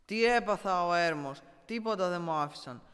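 A man's voice: high-pitched, lively intonation, a bit bright, clear, resonant tone, long reverb tail. A man voicing a poor, honest traveling cloth merchant in a folk tale. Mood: despairing. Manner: hawking, then lamenting.

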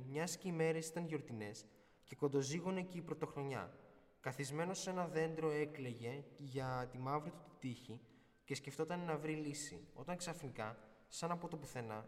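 A man's voice: fairly high pitch, in a large hall. A man narrating a folk tale expressively, with occasional small restarts. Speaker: storyteller.

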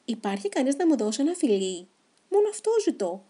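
A lonely male crocodile from a storybook, as a woman reader puts him on. His voice sits high and carries loudly as he pleads, with a warm, mellow tone. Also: very animated, breathy edge, full character voice. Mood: pleading. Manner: pleading, then gushing. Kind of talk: storybook reading.

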